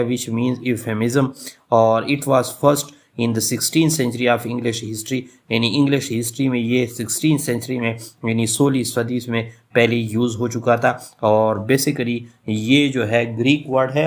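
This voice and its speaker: A male professor, explaining a lesson slowly in speech mixed with English terms, with frequent fillers. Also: medium pitch. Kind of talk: lecture on English literature.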